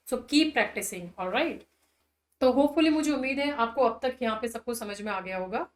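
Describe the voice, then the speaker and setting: A woman teaching an English grammar lesson. She asks the class questions and answers them herself, explaining patiently and reading example sentences slowly. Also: on the high side, roomy sound.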